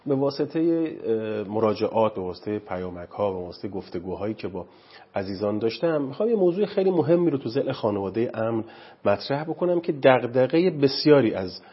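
A man's voice: mid-range voice, very animated, husky, highs cut off. A man from Iran, a parenting expert on a TV interview, explaining parenting styles in a lecturing way with many rhetorical questions.

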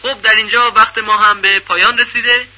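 A man giving a radio lesson on recitation rules, explaining in a measured way and repeating syllables to demonstrate them. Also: high-pitched, little pitch movement. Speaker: Quran recitation teacher. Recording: dull lo-fi radio recording.

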